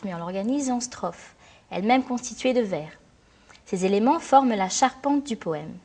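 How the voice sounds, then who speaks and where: A woman teacher narrating a scripted lesson in a clear, measured, explanatory way. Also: mid-range voice, darkish tone. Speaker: French teacher.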